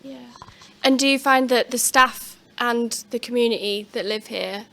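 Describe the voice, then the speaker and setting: A woman works as an interviewer, putting questions informally. Her voice is fairly high in pitch. The delivery is conversational and unscripted. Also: moderate pace, fairly bright tone.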